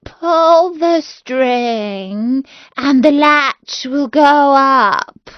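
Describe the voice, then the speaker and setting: A woman's voice: high-pitched, extremely slow, no room sound, dull audio, pitched above the performer's own voice. A woman voicing a hungry, scheming male wolf who tries to sound sweet, in a storybook reading. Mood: falsely sweet. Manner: sly, fakes a sweet voice.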